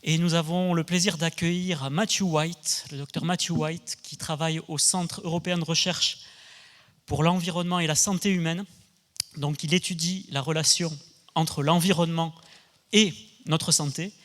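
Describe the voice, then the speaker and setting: Higher-voiced male host in a reverberant hall. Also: steady tone, normal speed, fairly bright tone. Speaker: conference host introducing a speaker. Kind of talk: spoken introduction to an audience.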